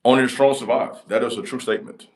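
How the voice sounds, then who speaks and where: Fast and steady in tone, a channel host with a deep voice motivates his viewers to camera, hammering points in an emphatic, repetitive rhythm.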